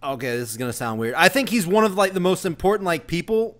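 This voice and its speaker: A podcast co-host who rambles along with fillers, laughing often. His voice is a little high and bounces up and down. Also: lively intonation, quick pace, a bit bright. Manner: giggly, rambling with many fillers. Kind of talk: casual debate.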